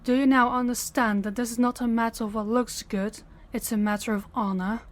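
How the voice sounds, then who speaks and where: A woman with a fairly high, steady, natural-sounding voice plays a young princess in an audio roleplay. Her delivery is formal, commanding and measured, and her mood is stern. The princess is principled, authoritative, compassionate and defiant.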